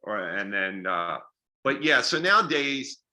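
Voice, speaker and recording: A man's voice: medium pitch, measured pace. A middle-aged man, a filmmaker and festival organizer, telling stories in a casual interview, self-deprecating and acting out quoted conversations. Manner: animated, self-deprecating, acts out quoted dialogue.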